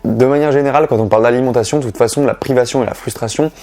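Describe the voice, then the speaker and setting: A young Frenchman chats casually straight to the camera, handing out diet and training tips in a friendly, blunt way. His voice sits in an ordinary middle pitch. Faint music plays underneath. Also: rapid-fire, warm tone. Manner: chatty, direct, addresses viewer informally. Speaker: fitness youtuber.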